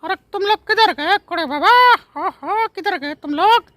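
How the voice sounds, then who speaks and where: A man voicing a tiny, frightened male cartoon creature who squeaks and repeats his calls for help. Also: moderate pace, fairly bright tone, no room sound. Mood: panicked.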